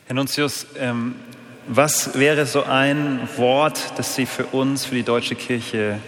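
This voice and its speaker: A man's voice: mid-range voice, fairly even intonation, slow, fairly bright tone, roomy sound, in a large hall. A man interviewing, asking a polite, formal question with some hesitation.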